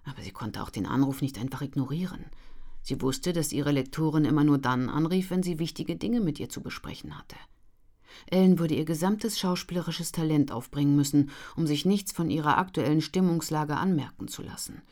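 Low-voiced woman narrating a story. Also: fairly quick, warm tone. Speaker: audiobook narrator. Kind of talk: scripted narration.

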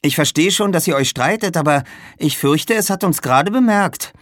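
A man's voice: on the high side, lively intonation, normal speed, dry recording, studio quality, pitched above the performer's own voice, natural voice. A man voicing a nervous, quarrelsome boy apprentice mage in a raised, urgent storybook voice. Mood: anxious urgent.

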